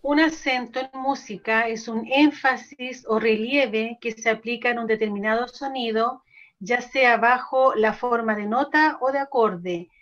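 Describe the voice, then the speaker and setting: Woman student, measured slow reader, fairly high voice, lo-fi call audio. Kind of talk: reading aloud, counting beats. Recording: dull lo-fi audio.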